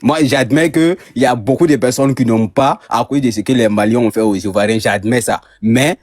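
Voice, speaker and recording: A man's voice: medium pitch, fairly quick, a little mellow, dry recording, studio quality. A man from Ivory Coast, a caller in a heated online debate, who stumbles and repeats words as he argues. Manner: hesitant, repeats words, gets defensive.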